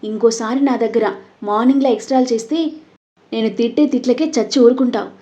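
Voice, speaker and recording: A woman's voice: on the high side, fast talker, warm tone, lightly acted. A woman voicing a young office worker who speaks in an indignant, scolding way. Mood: angry. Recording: dull lo-fi audio.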